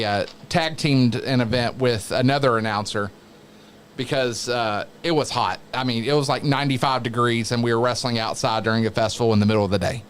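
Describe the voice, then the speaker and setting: American male, mid-pitched voice, wrestling announcer in relaxed podcast conversation, faint background noise. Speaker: wrestling announcer and radio veteran, interview guest. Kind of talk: casual chat, telling career anecdotes. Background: background noise, wrestling show playing on a TV.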